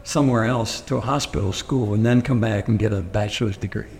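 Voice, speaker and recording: Speaking briskly in a lowish, creaky voice with a darkish tone, a Pennsylvania man whose mother tongue is Pennsylvania Dutch looks back on his upbringing for an oral history interview. His speech is hesitant, full of fillers and restarts, and the audio has long reverb with faint noise.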